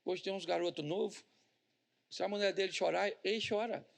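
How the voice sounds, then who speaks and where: A man's voice: high voice, fairly even intonation, a little fast, gravelly, a little hiss or hum. A male pastor preaching a humorous sermon, joking and acting out little scenes.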